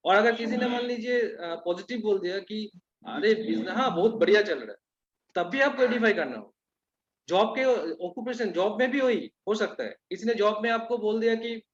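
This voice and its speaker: A man leads a sales training talk with a high-pitched voice. He explains step by step and often stops on hesitant fillers. The recording sounds dull and lo-fi. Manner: instructive, with frequent hesitant fillers.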